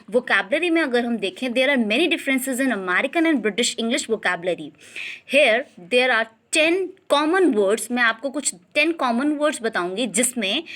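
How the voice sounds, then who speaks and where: Slow, bright-voiced woman teacher. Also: a little high. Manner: reads English lines slowly and deliberately, then explains; frequent check-ins, patient explaining. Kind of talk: classroom grammar lesson.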